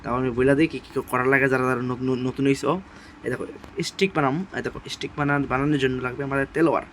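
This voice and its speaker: A man talks through a game at night in a hushed, quiet voice. His pitch sits in an ordinary middle range. He circles back over the same phrases and pleads with his viewers, with a faint hum of noise behind him. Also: level tone, fast. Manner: speaks softly and quietly late at night; repetitive, pleading with viewers, apologetic. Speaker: gaming channel host. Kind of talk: casual gameplay commentary.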